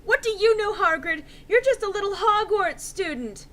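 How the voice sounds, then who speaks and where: A woman's voice: very high-pitched, expressive, normal speed, a bit bright, pitched above the performer's own voice. A woman voicing a melodramatic, foul-mouthed teenage goth vampire girl with overwrought, shrieking delivery in a comic story reading. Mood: furious.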